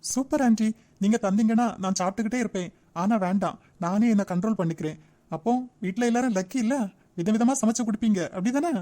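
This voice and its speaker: Woman playing an easygoing young cartoon guy, warm dark tone, relaxed and friendly. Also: medium pitch, fast talker, lightly acted. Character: easygoing young man, friendly and polite son.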